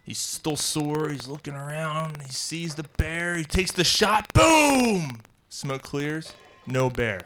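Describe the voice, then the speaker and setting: A man's voice: a little high, slow, bright, forceful tone, poor audio. A man hosting a casual podcast from a brewery bar, telling crude jokes with loose storyteller banter. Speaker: podcast host.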